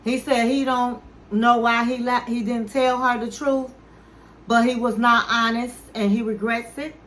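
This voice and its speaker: A woman's voice: on the high side, flat delivery, unhurried, a bit bright, poor audio. A woman recapping a reality show in a chatty, storytelling way, acting out what each person said. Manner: chatty storytelling, acting out the people she quotes. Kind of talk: casual recap commentary.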